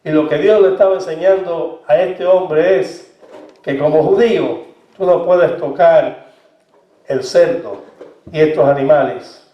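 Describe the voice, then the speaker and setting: A male pastor preaching a sermon slowly and conversationally, acting out dialogue. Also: a little high. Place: church sanctuary. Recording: echoey, distant, dull church recording.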